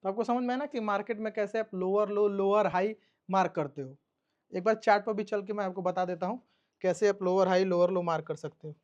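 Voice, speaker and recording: This recorded trading lesson features a man whose voice sits high, with a steady tone and a slightly mellow quality, moving fairly quickly. The recording sounds muffled. He explains a chart one step at a time, going over terms again and confirming his audience understands.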